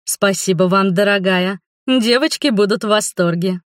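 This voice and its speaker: A woman's voice: mid-range voice, normal speed, dry recording, clean studio sound, natural voice. A woman voicing a chatty, kindly older townswoman who exclaims dramatically, in an audiobook reading. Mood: gossipy.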